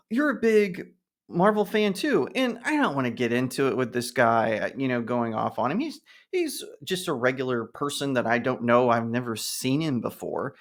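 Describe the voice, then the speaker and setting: Brief: a man of mid pitch, casual vlog commentator, animated storyteller. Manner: animated storytelling, acts out other people with a raised voice. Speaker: YouTube commentator. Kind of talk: casual opinion monologue.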